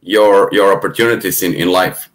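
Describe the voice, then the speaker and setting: A man from Serbia with a Serbian accent, a podcast guest talking in a thoughtful, halting way and repeating words. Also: deep voice, steady tone. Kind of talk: casual conversation.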